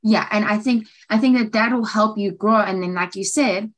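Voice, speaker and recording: A woman's voice: mid-range voice, moderate pace, poor audio. A woman with an American accent co-hosting a casual talk for writers, upbeat and affirming, with many casual fillers. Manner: upbeat, affirming, uses 'like' often. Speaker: co-host, director of training. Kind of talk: casual conversational chat.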